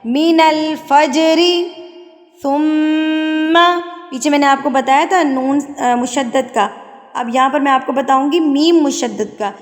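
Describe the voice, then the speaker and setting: A woman with a Pakistani Urdu accent teaching Quran recitation, chanting verses slowly and melodically, then explaining the rules briskly. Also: high voice, long reverb tail. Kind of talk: tajweed lesson alternating slow recitation and explanation.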